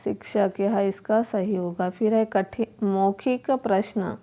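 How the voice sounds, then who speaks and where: A woman's voice: mid-range voice, steady tone, mellow. A woman teacher going through workbook exercises, repeating each word and asking questions aloud. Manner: slow, repeats words and asks questions to the pupils. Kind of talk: workbook lesson explanation.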